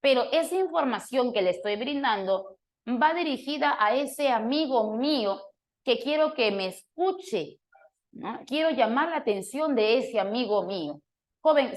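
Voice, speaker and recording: A woman leads a classroom review, her voice sitting a little on the high side. She explains patiently and works through each point. She often stops to put a question to a student by name. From Peru. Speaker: language teacher.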